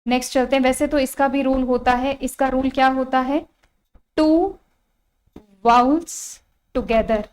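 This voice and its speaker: A woman with an Indian accent teaching an online English grammar lesson, repeating key phrases and spelling words out slowly. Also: high-pitched, steady tone, darkish tone, poor audio.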